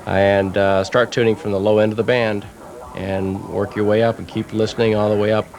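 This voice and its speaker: A man who is a radio amateur gives hesitant advice in an interview and often restarts his sentences. His voice is low and monotone. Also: moderate pace. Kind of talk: casual interview.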